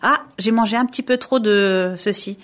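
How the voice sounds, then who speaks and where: A middle-aged woman, a guest on a radio interview, talking in a lively way and acting out inner voices. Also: moderate pace. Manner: lively, acts out inner voices with jumps in pitch. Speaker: guest, reflexologist and naturopath.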